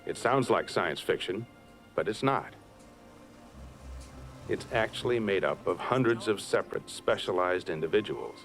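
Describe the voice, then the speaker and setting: Deep-voiced American man narrating a nature documentary. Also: expressive, unhurried, long pauses, a bit bright. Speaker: oceanographer narrator. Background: music.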